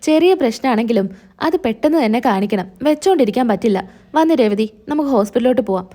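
A woman's voice: a little high, animated, fast, warm tone. A woman voicing a protective young husband who speaks in an insistent, reassuring way in a retold serial story. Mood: concerned.

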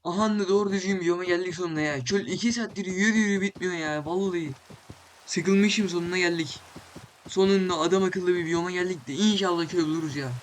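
A man's voice: high voice, fairly quick, a little hiss or hum. A young man commentating his Minecraft play, complaining in an exasperated way, swearing casually and talking to the animals in the game. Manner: swears casually, exclaims loudly. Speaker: gaming channel host.

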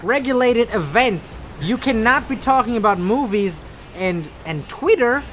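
A man's voice: very high-pitched, expressive, a little slow, a bit bright, a little hiss or hum. A young man giving joking, crude play-by-play commentary on a video game match. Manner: rowdy, crude, sarcastic.

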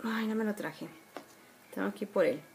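A woman's voice: medium pitch, normal speed, vocal fry, faint music behind. A woman, chatting casually through a makeup tutorial at home, with a lot of filler words. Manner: chatty, homely, many fillers. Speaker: beauty vlogger. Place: bedroom at home. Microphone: phone camera at arm's length.

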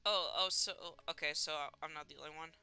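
A woman streamer chatting casually while gaming, giggly and quick to exclaim. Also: sits low, steady tone, sharp tone.

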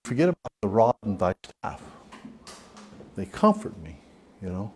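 A man's voice: fairly low pitch, sing-song, moderate pace, a little mellow, slight background noise. A man with a Southern US accent leading a church Bible study, talking in a folksy, rambling way with many restarts and fillers. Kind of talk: informal Bible study teaching. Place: church hall.

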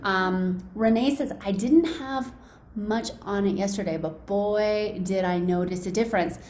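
This host has a mid-range, darkish voice and an unhurried delivery. She runs a casual, upbeat live demonstration of a wellness device for a group on a video call, talking to listeners directly, encouraging them and leading calm guided relaxation, while the roomy call carries echo and faint noise.

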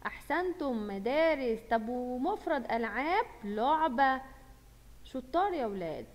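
A woman's voice: high voice, sing-song, normal speed. A woman with an Egyptian Arabic accent teaching a primary school lesson, asking questions and praising the pupils. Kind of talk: recorded lesson for young children. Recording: long reverb from a hall-like room.

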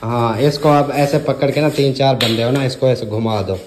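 A man's voice: medium pitch, normal speed, very noisy. Man vlogging while directing helpers. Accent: Pakistani. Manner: bossy, joking instructions to helpers. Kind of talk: casual vlog narration while directing helpers. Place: village house, indoors and outdoors.

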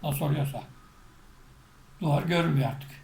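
Creaky, high-pitched man telling a story. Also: normal speed. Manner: animated storytelling, acting out shouts and quotes. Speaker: spiritual teacher. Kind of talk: recounting a personal story. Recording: echoey room with faint noise.

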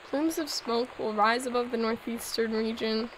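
A hoarse, sick young woman hosting a let's play, chatting and giggling as she reads in-game notes aloud. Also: a little high, fairly even intonation, normal speed, a little hiss or hum, rough recording. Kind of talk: casual gameplay commentary.

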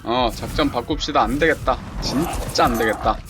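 Over music and clearly audible game sounds, a streamer narrates his survival-game session in a medium-pitched voice at normal speed. He talks to himself and to the creatures he's urging on, often exclaiming with excitement.

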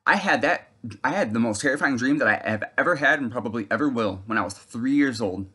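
A man's voice: medium pitch, animated, fast, slightly rough. A man in his thirties giving a rambling, earnest religious testimony, with many fillers and restarts. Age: 30s. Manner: breaks off to shout at someone off camera. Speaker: video testifier.

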